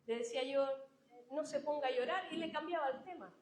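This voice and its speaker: A woman's voice: high-pitched, fairly quick, echoey room, a little hiss or hum, low-quality recording. A woman preaching a sermon in a church, talking to her listeners in a conversational way and stressing points by repeating them. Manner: warm conversational preaching, addressing listeners as brothers, emphatic repetitions.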